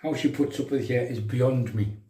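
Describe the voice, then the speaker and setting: This County Durham host, a middle-aged man, chats casually with his livestream audience as he shows how he shaves, his tone soft, mellow and matey. He speaks in a mid-range voice at a normal speed. Recorded away from the microphone, the sound carries the echo of a spacious bathroom.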